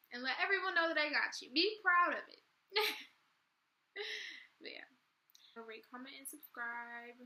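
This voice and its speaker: Young female vlogger, high bright voice, chatty, loads of "like", echoey room. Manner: chatty, fills speech with "like". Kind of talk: casual storytelling to camera.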